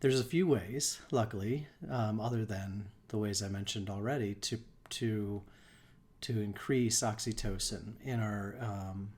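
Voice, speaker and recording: Unhurried man hosting a wellbeing talk. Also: on the low side, darkish tone. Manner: unhurried, reflective, frequent fillers and restarts. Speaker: life coach hosting a live show.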